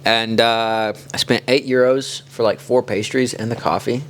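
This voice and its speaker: There's slight background noise as a Kansas City–area man with a mid-range voice co-hosts a podcast at a moderate pace. His storytelling is laid-back and meandering, generous with "like."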